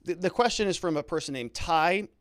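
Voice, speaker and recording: High-pitched and brisk, with lively intonation, this livestream host works through viewer comments and tosses in wry, conversational jokes. He's a middle-aged American legal commentator, recorded dry at studio quality.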